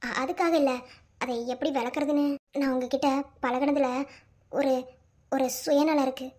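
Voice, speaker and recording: Actress playing a young woman collector, very high voice, bossy yet halting and lovesick, TV drama. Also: steady tone, close to an everyday voice. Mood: confiding. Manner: bossy with family, soft and halting when confessing. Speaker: district collector in love. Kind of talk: television drama acting.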